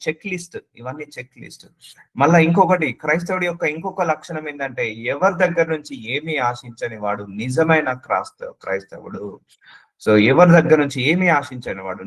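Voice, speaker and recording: A man's voice: medium pitch, a bit bright, poor audio. A man preaching a sermon, earnestly addressing the listener with repeated questions and slipping English words into his speech.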